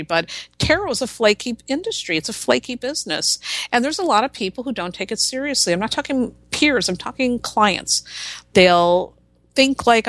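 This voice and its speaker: A woman's voice: medium pitch, no echo. Blunt, outspoken woman in her forties. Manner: blunt, emphatic, animated storytelling. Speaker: podcast guest, tarot reader. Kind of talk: casual interview chat.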